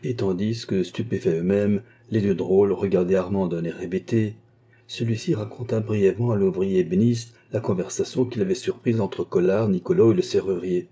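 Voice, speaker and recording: Man narrating an old novel, low husky voice, dark tone. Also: steady tone, normal speed. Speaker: audiobook narrator. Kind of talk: reading a classic novel aloud.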